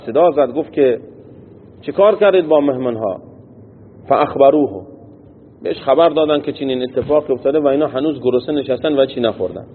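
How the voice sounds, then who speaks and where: A man teaching as a religious teacher. He reads a text phrase by phrase and explains each part in plain everyday words. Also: mid-range voice. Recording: tinny phone-like sound with long hall echo and faint noise.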